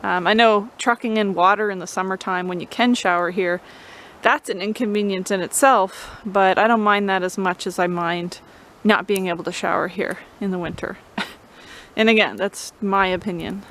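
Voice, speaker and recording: A woman's voice: mid-range voice, steady tone, moderate pace, a bit bright. A woman vlogger giving a laid-back, informal how-to explanation, chatting casually to the camera. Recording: clear background noise and ambience.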